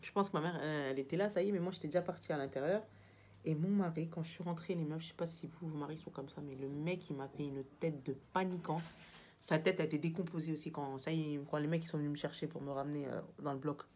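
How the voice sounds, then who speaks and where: A young woman telling a story to her viewers in a chatty, animated vlog. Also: low voice, fast talker, slight background noise. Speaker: vlogger.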